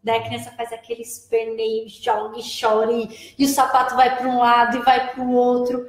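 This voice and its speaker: A woman's voice: on the high side, monotone, moderate pace. A woman guest speaker in a live advice chat, explaining in a patient way and repeating her key phrases. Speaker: guest, preschool operations director. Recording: echoey room.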